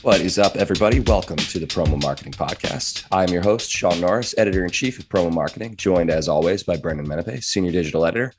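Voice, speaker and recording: A man with a hoarse, raspy, worn-out voice hosting a podcast in an informal, jokey, chatty way. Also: low-pitched, fast talker, hardly any pauses, music in the background. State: hoarse, losing his voice. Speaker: podcast host. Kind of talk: casual podcast chat.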